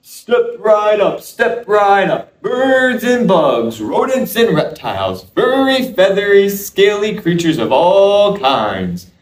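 A man voicing a showy young male squirrel magician, calling out in a drawn-out, booming showman delivery. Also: very animated, heavily acted. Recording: roomy sound from a distance.

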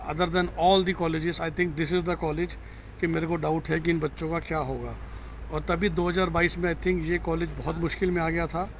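Middle-aged man, slightly high voice, flat delivery, blunt and frank, faint street noise behind. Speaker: career counselor. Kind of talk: direct-to-camera review vlog. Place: outdoors in a parking lot by buildings. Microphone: handheld phone camera at arm's length.

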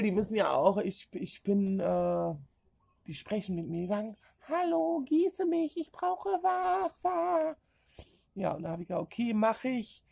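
Chatty woman with a gravelly low voice. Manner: chatty, excitable, acts out dialogue. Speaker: vlogger. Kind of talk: casual storytelling vlog. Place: at home indoors. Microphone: camera in front.

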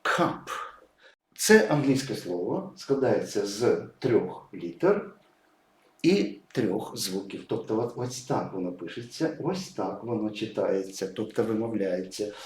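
A man's voice: fairly low pitch, animated, unhurried, echoey room. A man teaching English pronunciation patiently, writing words and stressing each example. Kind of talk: explaining pronunciation at a whiteboard.

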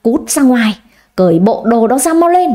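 A woman's voice: fairly high pitch, animated, moderate pace, dark tone, natural voice. A woman voicing a hot-tempered husband who snaps and scolds. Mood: angry. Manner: curt, scolding.

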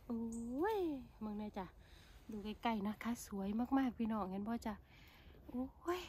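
Isan woman vlogger, fairly high voice, chatty and exclamatory, outdoor noise clearly audible. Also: a little slow, warm tone. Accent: Isan (Northeastern Thai). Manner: chatty, calls viewers "brothers and sisters", frequent exclamations. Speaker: vlogger foraging mushrooms. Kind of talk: casual chat to viewers. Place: outdoors in the countryside.

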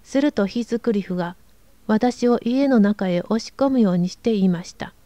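Calm woman reading a novel aloud. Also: medium pitch, normal speed, no room sound. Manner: calm, even storytelling. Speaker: narrator.

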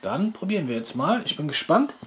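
A man's voice: on the high side, big pitch swings, brisk, fairly bright tone, slight background noise. A man hosting a food review video, talking casually as he narrates a taste test.

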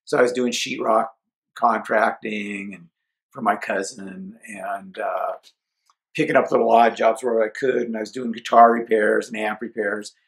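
A man's voice: lowish voice, unhurried, gravelly, rough recording. A middle-aged man from Seattle casually recounting his early years building amps, acting out quoted lines. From Seattle, USA. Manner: relaxed storyteller, acts out his own and others' quoted lines. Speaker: amp builder telling his story. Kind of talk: casual storytelling interview.

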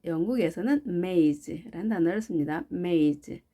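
A woman whose first language is Korean, teaching English vocabulary and repeating each word slowly and carefully. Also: fairly low pitch, expressive, dark tone. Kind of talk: vocabulary lesson.

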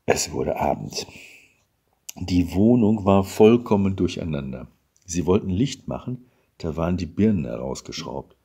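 A man reading aloud a Christmas story in an expressive, animated way. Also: low-pitched, measured pace, creaky, husky.

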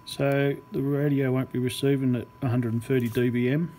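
A radio repair technician presents a hands-on repair at an indoor electronics workbench, explaining each step as he works. His medium-pitched, mellow voice moves little in pitch and is fairly quick. The workshop recording is noisy, full of clicks and test tones.

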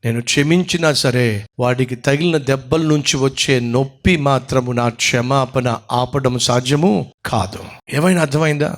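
A man's voice: mid-range voice, normal speed. A middle-aged male pastor preaching a sermon, telling stories and asking the listeners questions. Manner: storytelling with rhetorical questions.

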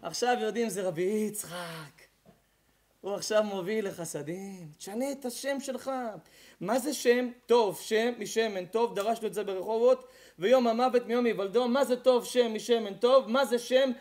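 A man, a rabbi, giving a sermon to a live audience, swinging from quiet talk to emphatic shouting. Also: sits high.

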